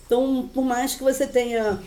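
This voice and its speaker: A woman giving a university class lecture in an animated, storytelling way. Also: sits high, normal speed, echoey room, slight background noise. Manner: animated, storytelling, laughing often.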